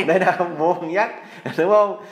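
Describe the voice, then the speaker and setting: A man's voice: high-pitched, steady tone, unhurried, echoey room. Earnest man giving folksy spiritual advice. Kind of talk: casual Buddhist advice talk.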